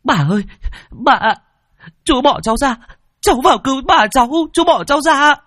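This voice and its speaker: A man voicing a frightened young girl who shouts and cries in panic. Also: animated, moderate pace, no echo, clean studio sound, full character voice. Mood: frantic screaming. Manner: shrill frantic crying shouts.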